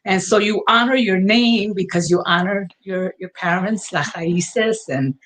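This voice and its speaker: A woman's voice: medium pitch, measured pace, a bit bright, slight background noise. A woman from Brooklyn with a New York Puerto Rican accent, speaking heartfelt in a panel discussion and mixing Spanish phrases into her English. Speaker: panel guest.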